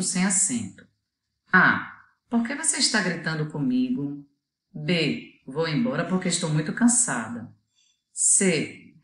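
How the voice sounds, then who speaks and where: Low-voiced Brazilian woman teaching a lesson. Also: a bit bright, echoey room. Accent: Brazilian Portuguese. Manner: patient, explanatory, asks students to think. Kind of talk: video lesson.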